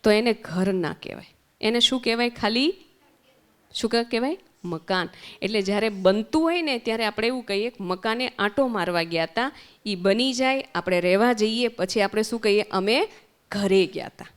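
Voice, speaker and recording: A Gujarati-accented woman teaches children at a summer camp in a centre hall, posing questions and echoing back what they say. Her voice is mid-range and clean, at a normal speed.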